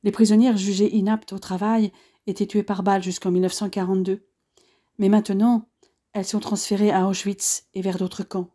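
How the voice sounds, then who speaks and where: A woman reading a first-person audiobook in a measured, earnest storytelling manner. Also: mid-range voice, flat delivery, dark tone. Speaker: audiobook narrator.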